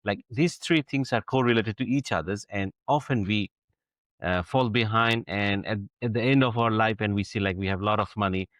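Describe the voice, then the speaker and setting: An earnest podcast co-host, a man who circles back over his words with repetitions and restarts. His voice is fairly low, heard dry and close to the mic. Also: moderate pace, fairly bright tone, no room sound. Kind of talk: conversational interview.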